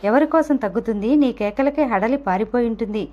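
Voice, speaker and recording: A woman voicing a blunt grown man, an elder brother, who answers in terse, sharp retorts. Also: a little high, fairly quick, dull audio, close to an everyday voice. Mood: curt.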